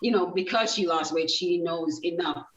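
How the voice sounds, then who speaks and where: A chatty woman from Jamaica tells her story with lots of restarts and easy laughter. Her voice sits low and comes from away from the mic in a roomy space with dull sound. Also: moderate pace, far from the mic. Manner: chatty, many fillers and restarts, laughs easily. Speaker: guest, nonprofit founder. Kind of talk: casual interview storytelling.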